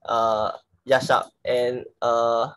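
A woman's voice: extremely low pitch, little pitch movement, very slow. A woman helps host a game. She speaks casually over an online video call. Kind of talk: casual chat co-hosting a game.

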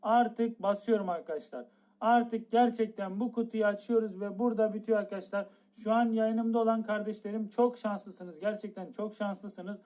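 A young man streams a game live and talks to his chat in a high-pitched, mellow voice with fairly even intonation. He draws out the hype by repeating the same phrase over and over.

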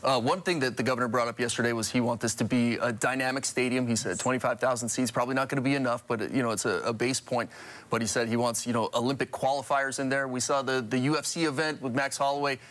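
A man's voice: medium pitch, fairly even intonation, a bit bright. A man, interviewing guests as a morning news anchor in a TV studio. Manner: quick, conversational, with restarts.

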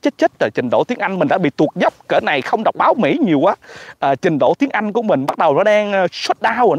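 A man with a Southern Vietnamese accent gives casual political commentary in an animated, mocking, exclamatory way. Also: very high voice, no room sound.

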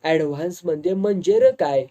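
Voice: mid-range voice, fairly quick, warm tone, close to an everyday voice. A storyteller voicing a naive, simple-minded village man who asks innocent questions.

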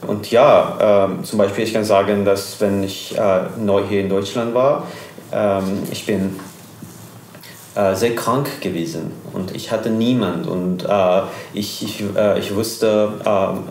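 A young man from Iran with a Persian accent, speaking German haltingly as an interview guest, searching for words with many fillers. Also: lowish voice, fairly even intonation, darkish tone, echoey room, slight background noise.

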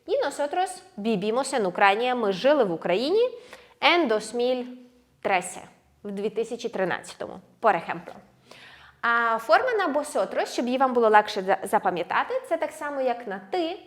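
A woman teaching Spanish grammar in a language lesson, alternating explanations with slowly drilled verb forms. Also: on the high side, big pitch swings. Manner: switches between Ukrainian and slow, drilled Spanish words; clear, measured explaining with stressed endings.

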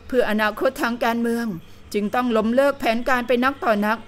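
A woman reading a period novel aloud in a steady storytelling manner. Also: a little high, brisk, slight background noise. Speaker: audiobook narrator. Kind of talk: scripted novel narration.

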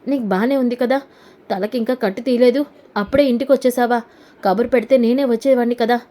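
A woman's voice: on the high side, fairly even intonation, fast talker, dark tone, close to an everyday voice. A woman voicing an old grandmother who frets over her son and scolds him. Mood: worried. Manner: scolding, anxious.

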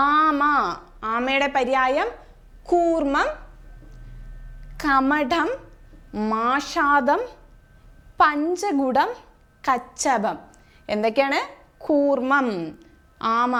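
Woman, exam coaching teacher, unhurried, repetitive drilling, rhetorical questions. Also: a little high, fairly bright tone. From Kerala. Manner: repeats words and quizzes listeners with rhetorical questions. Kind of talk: Malayalam vocabulary lesson.

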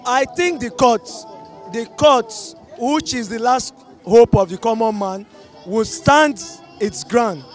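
A man's voice: very high-pitched, takes it slowly, faint music behind, a faint crowd. A middle-aged man with a Nigerian accent giving an emphatic, oratorical street-interview opinion on a busy city street. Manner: emphatic, oratorical, repeats calls to action. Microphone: handheld mic held by interviewer.

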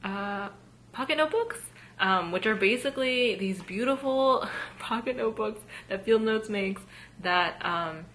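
A woman's voice: mid-range voice, lively intonation, unhurried, a bit bright, slight background noise. A young woman vlogging casually from her small home art studio, chatty and upbeat, with many ums. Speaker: artist vlogger. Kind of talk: casual vlog talk to camera.

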